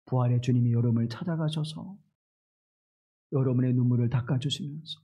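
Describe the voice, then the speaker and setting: A man preaching a Sunday sermon as pastor, moving between loud rising phrases and soft, low ones, acting out quoted speech. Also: brisk. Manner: dramatic swings in pitch and loudness, voicing quoted speech.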